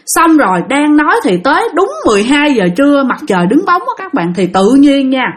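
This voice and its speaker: Lively woman telling ghost stories. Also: high voice, brisk. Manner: chatty, addresses listeners directly. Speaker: storyteller. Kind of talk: casual ghost-story narration.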